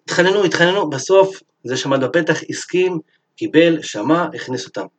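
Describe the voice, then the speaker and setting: A man teaching a Torah lesson, telling a story in a lively sermon style and acting out its characters. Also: fairly high pitch.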